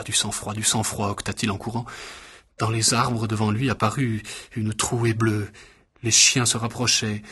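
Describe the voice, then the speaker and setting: A man reading a story aloud in an even, measured way. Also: lowish voice, breathy edge. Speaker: narrator. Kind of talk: scripted story narration.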